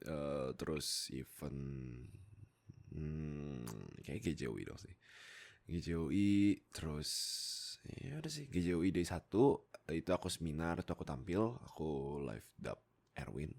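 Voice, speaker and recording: Talking into a close mic, a young adult from Indonesia, a YouTube creator and voice actor, rambles playfully to his viewers with jokey asides, hesitant pauses and frequent self-interruptions. His extremely low, creaky voice is very animated and has a darkish tone.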